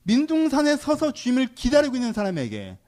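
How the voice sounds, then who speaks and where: A male pastor preaching a sermon, firing rhetorical questions at his congregation and swinging between loud exhortation and quiet asides. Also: extremely high pitch, wildly swooping pitch, a little fast.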